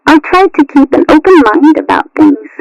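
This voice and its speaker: Woman as a high, raspy, childlike teen kitten. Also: normal speed, highs cut off, soft background music, natural voice. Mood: pleading, wistful. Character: teenage girl kitten, wistful, sweet, clinging to childhood. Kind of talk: cartoon character acting.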